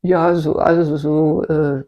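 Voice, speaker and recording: An elderly East German woman in her eighties casually recounting her life, halting and searching for words as a grandmother does. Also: low voice, level tone. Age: 80s. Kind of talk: casual personal reminiscence. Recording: dull lo-fi home recording.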